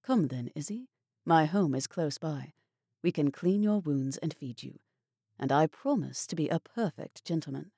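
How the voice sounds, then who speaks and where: A woman voicing a kind, courteous young gentleman who speaks calmly and reassuringly. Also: deep voice, moderate pace, breathy edge, no room sound, studio quality, exaggerated voice.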